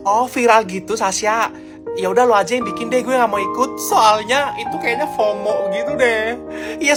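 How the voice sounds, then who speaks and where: A young woman performing a comic school skit, switching between several schoolgirl voices. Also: on the high side. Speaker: comedy creator. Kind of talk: one-person school skit. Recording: loud music bed.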